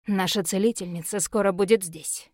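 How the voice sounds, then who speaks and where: A commanding male fae prince of fire from a storybook, curt and used to giving orders, as a woman reads him aloud. He speaks in a crisp, dry voice with short, clipped commands. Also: medium pitch, steady tone, normal speed, no room sound, lightly acted.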